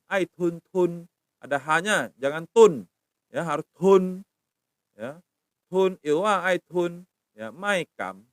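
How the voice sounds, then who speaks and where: A middle-aged man teaches a language on a live stream, patiently sounding out words slowly and checking in with his viewers. His voice sits a little high, and he speaks close to a phone mic in a dry, dead-sounding space. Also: a bit bright, dry recording.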